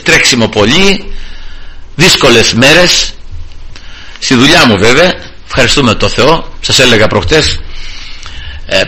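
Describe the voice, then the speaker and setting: A man's voice: mid-range voice, husky. A middle-aged man preaching a sermon to a church congregation, telling personal stories and often calling out to the brothers. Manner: animated, addresses congregation as brothers, tells personal anecdotes. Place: church service.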